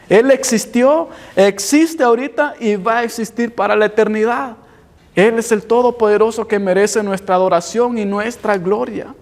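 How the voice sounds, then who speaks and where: A man's voice: very high-pitched, vocal fry. A male pastor preaching a sermon in earnest, repeating phrases for emphasis. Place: church.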